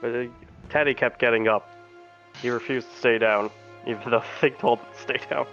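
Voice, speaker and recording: A man's voice: mid-range voice, fairly even intonation, brisk, a bit bright. A casual, profane man running a tabletop game. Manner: casual, profane, laughs mid-sentence. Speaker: game master. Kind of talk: recapping and narrating a tabletop game. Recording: dull lo-fi audio, faint music.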